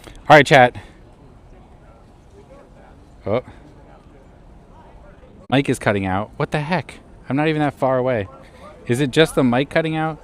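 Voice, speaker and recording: Out in a city park, a chatty streamer talks to his audience in a mid-range voice, measured and with long pauses. Because his wireless clip-on mic keeps cutting out, the sound jumps between loud and quiet.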